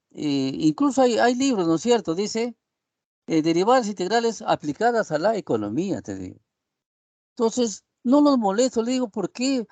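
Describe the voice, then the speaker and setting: Over a video call, a male professor gives an online class in a high, slightly mellow voice with no room sound. He addresses his students as "estimados alumnos", wandering in his talk and tacking on tag questions.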